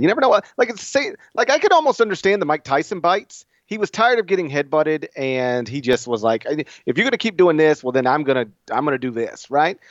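A talkative man co-hosting a sports podcast, his voice sitting a bit high for a man. He rambles and restarts as he goes, animated throughout. The mic sounds dry and slightly dull, with little room around it. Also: dry recording. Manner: animated, chatty, lots of restarts. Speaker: podcast co-host. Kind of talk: casual sports chat.

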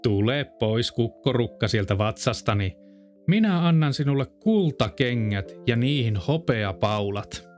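A man's voice: mid-range voice, expressive, a little mellow, soft background music, lightly acted. A man voicing a hot-tempered, greedy king in a fairy-tale reading. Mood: commanding. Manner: angry then fawning.

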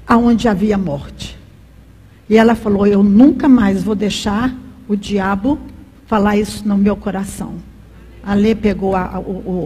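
Husky-voiced woman preacher, passionate sermon storytelling, big reverberant hall. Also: high-pitched, mellow.

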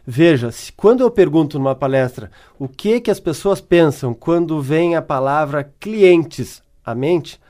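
A man with a Brazilian Portuguese accent answers interview questions as a customer service speaker. He explains his points by telling stories and worked examples, in a voice pitched a little high for a man. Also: lively intonation, unhurried, hardly any pauses, mellow.

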